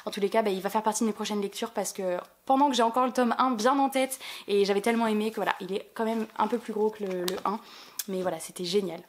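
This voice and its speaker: A woman's voice: mid-range voice, quick pace. Chatty French woman showing her books. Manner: chatty, many fillers and restarts. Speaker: book vlogger. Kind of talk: casual book haul chat.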